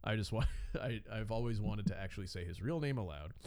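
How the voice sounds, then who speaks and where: A man's voice: on the low side, expressive, a little fast, a little mellow. A man in his thirties co-hosting a casual chat, telling a story with frequent laughs and putting on voices for the people he quotes. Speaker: podcast co-host telling a wrestling story.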